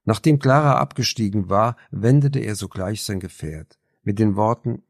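Man narrating a novel, low voice, gravelly, measured delivery, audiobook. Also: no room sound, clean studio sound.

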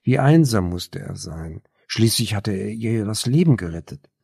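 A man narrating a novel as an audiobook, measured and even. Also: fairly low pitch, vocal fry, husky, dry recording, studio quality.

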